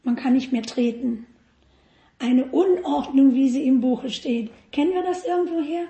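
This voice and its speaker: A woman's voice: sits high, a little slow, mellow, reverberant. A woman preaching a sermon, often asking the congregation questions.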